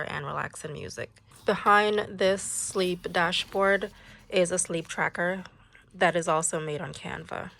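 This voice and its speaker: Stuffy and nasal from a cold, a young woman with a slightly low voice casually shows off her planner pages, chatting easily with an occasional "like" or "um." The planner vlogger's recording is dry.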